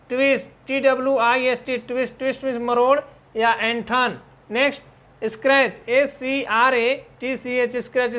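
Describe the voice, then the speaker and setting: Slow-spelling woman English teacher. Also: on the high side, a bit bright. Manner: spells each word letter by letter, then explains it slowly. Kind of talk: vocabulary lesson.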